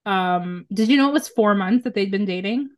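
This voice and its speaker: A woman's voice: medium pitch, normal speed. Giggly chatty woman podcast host. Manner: chatty, laughs often, many fillers like "um" and "like". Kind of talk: casual chat.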